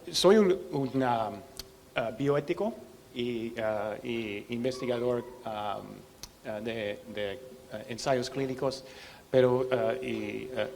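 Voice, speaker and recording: Male researcher, American accent, English native. Slow, hesitant presenter groping for words, long room reverb with faint noise. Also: medium pitch, darkish tone. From United States, Seattle. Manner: halting, hesitant, searching for words in a second language. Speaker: researcher presenting a clinical trial. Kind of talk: presentation talk.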